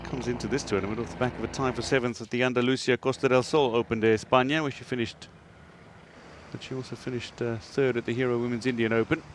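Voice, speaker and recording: A man's voice: medium pitch, fairly even intonation, fast talker, a little hiss or hum. A man working as a golf commentator, giving live commentary on a tournament.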